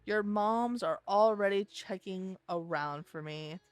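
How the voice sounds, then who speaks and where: A woman's voice: mid-range voice, unhurried, no room sound, faint music behind, natural voice. A woman voicing a worried, polite middle-aged father who is looking for his son, reading a visual novel aloud.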